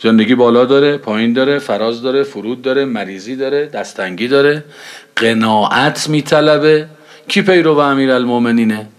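A man preaching in a conversational way, telling anecdotes and acting out the dialogue in them. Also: mid-range voice. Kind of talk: storytelling religious talk.

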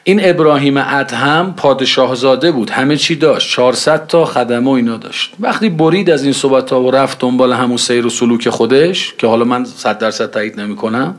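A man's voice: mid-range voice, hardly any pauses. A man preaching in a conversational way, telling anecdotes and acting out the dialogue in them. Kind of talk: storytelling religious talk.

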